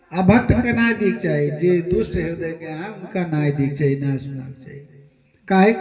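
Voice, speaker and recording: A man preaching a devotional sermon, slowly chanting verses and then explaining them with rhetorical questions. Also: high-pitched. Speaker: Bhagavat katha preacher. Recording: distant mic in a long-reverb hall, dull sound.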